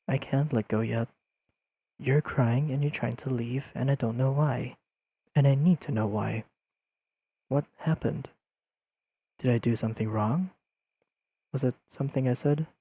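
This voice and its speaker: Worried and pleading, a man plays the listener's earnest, awkwardly analytical young best friend in an intimate audio roleplay. He speaks haltingly, carefully and with slightly formal phrasing, his medium voice carrying a breathy edge in a dry, low-quality recording.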